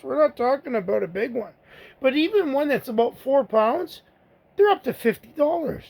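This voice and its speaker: A middle-aged man, giving a blunt, angry political rant to the camera, repeating his own rhetorical asides. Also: very high-pitched. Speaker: vlogger.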